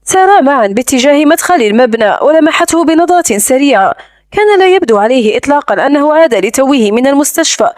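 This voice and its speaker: A woman reads a romance novel in a smooth, steady storytelling voice. Her pitch is high. The recording is close and dry, with no room sound. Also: fast talker, no echo. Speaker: audiobook narrator. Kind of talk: scripted romance novel narration.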